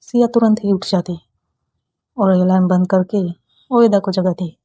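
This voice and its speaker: A woman narrating a romance story in a calm, unhurried reading. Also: mid-range voice, husky, dry recording, dull audio.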